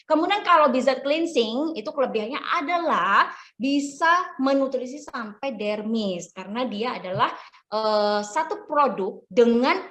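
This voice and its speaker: A woman's voice: a little high, lively intonation, measured pace, fairly bright tone. A woman in her thirties, a beauty consultant, explaining products in a chatty podcast talk, often stopping to search for words. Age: 30s.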